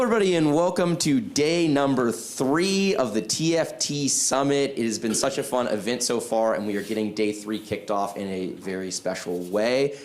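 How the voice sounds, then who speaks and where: A man hosting a live trivia game show on an event stage, upbeat and explaining the rules clearly. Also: lowish voice, roomy sound.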